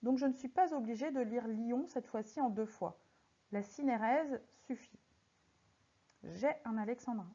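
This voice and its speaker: Woman teacher, slow and deliberate, muffled audio. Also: on the high side, mellow. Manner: slow, deliberate, stressing syllables one by one. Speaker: French teacher. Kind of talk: recorded lesson correcting exercises.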